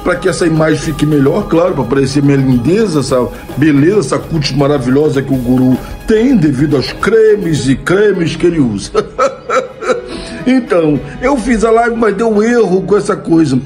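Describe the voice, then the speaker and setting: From a room in his home, a chatty Brazilian comic vlogger in his fifties takes viewer questions in a casual Q&A monologue, filmed close on an old phone camera. His high-pitched voice has lively intonation, a moderate pace and a slightly mellow quality over soft background music. Speaking with a Brazilian Portuguese accent, he laughs at his own jokes and keeps adding "né?".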